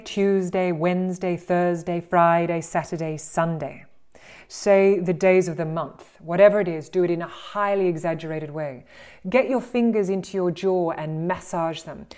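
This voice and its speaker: Encouraging Australian woman coaching voice skills. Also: low-pitched. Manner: animated, demonstrates exercises aloud, encouraging. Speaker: voice and communication coach. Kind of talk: instructional talk on speaking skills.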